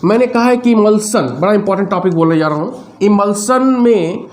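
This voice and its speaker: A male chemistry teacher giving a lecture, speaking loudly and quizzing students with repeated questions while dictating terms slowly. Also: high-pitched. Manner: speaks loudly over nearby noise. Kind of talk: classroom lecture.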